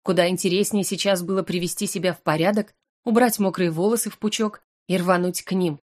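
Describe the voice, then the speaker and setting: A woman reading a first-person fantasy romance audiobook in a steady, expressive storytelling manner. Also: lowish voice, brisk. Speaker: audiobook narrator.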